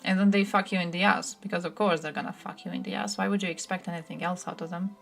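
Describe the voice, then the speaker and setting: A woman's voice: fairly low pitch, steady tone, quick pace, vocal fry, a bit bright, faint music behind. A woman from Croatia streaming live, giving blunt, sarcastic political commentary and answering chat, swearing freely.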